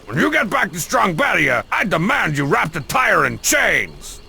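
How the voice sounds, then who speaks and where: Gravelly, cocky cartoon dictator. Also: male voice, high-pitched, huge pitch swings, measured pace, bright, forceful tone, slight background noise, exaggerated voice. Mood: pompous. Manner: pompous, mocking, theatrical. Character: bossy, cocky, sarcastic cartoon would-be dictator. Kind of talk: cartoon game voice acting.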